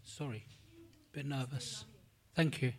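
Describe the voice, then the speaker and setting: A middle-aged man from London, England, with a London accent, speaks a little slowly in a medium-pitched voice with fairly even intonation. In a meeting room at a recovery meeting, he gives a candid, rambling personal share, swears freely, and says he's nervous.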